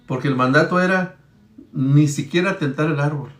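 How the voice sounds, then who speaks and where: In an echoey room, a man with a somewhat high voice speaks at a moderate pace. He is giving a Bible-teaching sermon, retelling Bible stories in a chatty, storytelling manner and checking in with his listeners.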